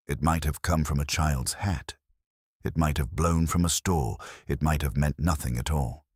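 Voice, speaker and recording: A man narrating a mystery audiobook in a measured, expressive storytelling manner. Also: very deep voice, breathy edge, dry recording, clean studio sound.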